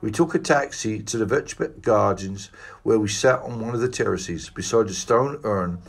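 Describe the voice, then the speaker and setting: A man reading a literary novel aloud in a measured, even manner. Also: lowish voice. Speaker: audiobook reader. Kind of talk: scripted narration.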